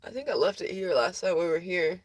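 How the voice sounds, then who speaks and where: A woman's voice: lowish voice, animated, a little fast, dry recording. A young woman chatting casually with viewers on a livestream, tired and rambling, with a close phone mic.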